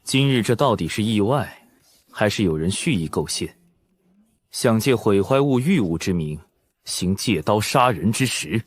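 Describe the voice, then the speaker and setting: An actor playing a stern, powerful male imperial tutor who protects his niece, speaking in a measured way in an animated drama dub. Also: on the low side, slightly rough, no room sound.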